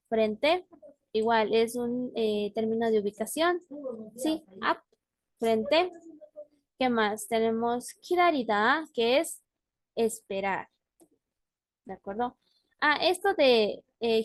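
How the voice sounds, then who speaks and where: A woman's voice: on the high side, lively intonation, takes it slowly, long pauses, dry recording. A woman teaching a language class on a video call, explaining words patiently and often checking in with her student. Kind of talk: online class.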